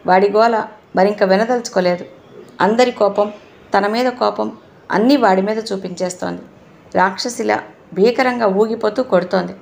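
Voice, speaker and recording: A woman reading a novel aloud as an audiobook narrator in a steady, measured storytelling style. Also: mid-range voice, vocal fry.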